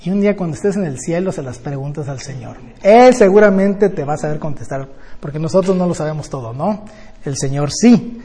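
Lively older man teaching the Bible. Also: on the high side, a little fast, long reverb tail. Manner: lively storytelling, tag questions. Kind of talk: Bible study sermon.

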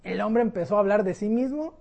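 A woman preaching a sermon in a conversational, animated storytelling way. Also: mid-range voice, a little fast, vocal fry.

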